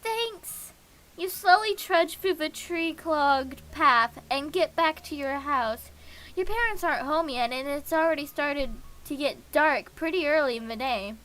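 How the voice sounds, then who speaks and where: Reading a visual novel aloud on stream, a woman stumbles and corrects herself as she goes, tossing in casual asides. Her voice sits high and has a fairly bright tone.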